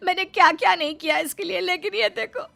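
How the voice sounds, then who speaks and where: A woman voicing a scheming young daughter-in-law who is loud, mocking and fake-sweet, in a family drama story. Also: sits high, voice pushed up.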